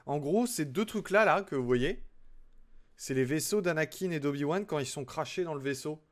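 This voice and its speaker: A man's voice: a little high, expressive, moderate pace. A young man chatting casually with his live-stream audience as he builds, chatty and self-mocking. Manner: chatty, self-mocking, talks to chat while working.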